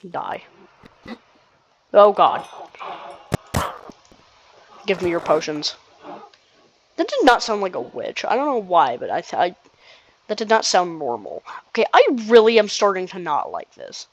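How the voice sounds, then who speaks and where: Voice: mid-range voice, huge pitch swings, moderate pace, a little hiss or hum, low-quality recording. A gamer giving casual gameplay commentary, rambling and restarting sentences with nervous laughs.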